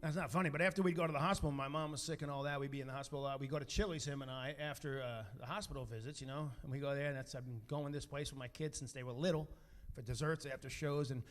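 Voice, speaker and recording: A middle-aged man doing stand-up comedy, telling an animated story, bursting into shouts and often asking "right?". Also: mid-range voice, racing.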